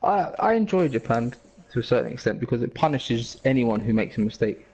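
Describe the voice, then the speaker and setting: A man's voice: medium pitch, sing-song, brisk, a little mellow, slight background noise, low-quality recording. A man answering casually as a racing driver in an interview.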